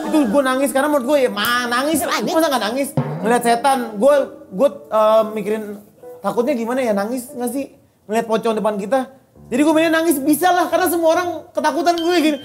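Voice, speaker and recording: A young woman, an actress telling animated stories in casual chat, laughing and swearing freely. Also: high-pitched, fast talker, faint music behind. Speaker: actress and social media personality.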